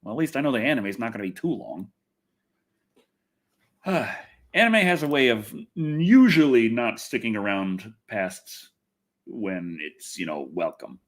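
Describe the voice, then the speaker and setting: A man hosts a casual livestream, chatting to viewers in a loose, rambling way with some swearing. His fairly low voice has big pitch swings and a measured pace.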